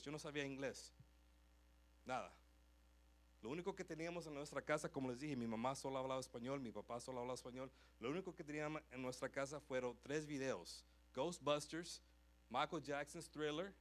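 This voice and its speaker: A man's voice: on the high side, a bit bright. A man preaching a testimony in a church, telling his story with emotion and restating each line in a second language. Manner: switches between Spanish and English line by line, emotional storytelling. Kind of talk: bilingual sermon testimony. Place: church sanctuary.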